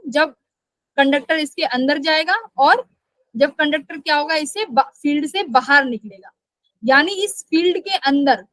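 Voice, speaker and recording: A woman's voice: sits high, a bit bright, dry recording, low-quality recording. A woman teaching a live online physics class, asking questions and answering them herself, and scolding students who skip class.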